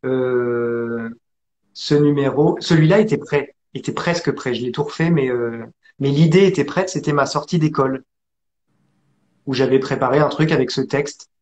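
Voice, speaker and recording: A man from France telling his story as an interview guest, hesitant with many pauses and restarts. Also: medium pitch, a little mellow, dull audio. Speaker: interview guest, acrobat and actor.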